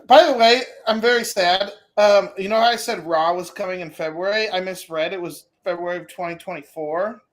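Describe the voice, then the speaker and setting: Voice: medium pitch, a little fast, few pauses. A co-host chatting casually during a watch-along, playfully calling out to the wrestlers on screen. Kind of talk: casual chat.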